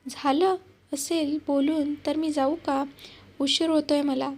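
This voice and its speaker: A woman's voice: sits high, little pitch movement, takes it slowly, darkish tone. A woman reading a wounded young mother, firm and cutting. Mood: bitter. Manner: cutting, mocking tone.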